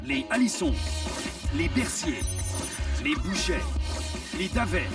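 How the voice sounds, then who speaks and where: A man's voice: high voice, sing-song, slow. A man reading a scripted television show introduction as its announcer. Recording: distant sound, music behind.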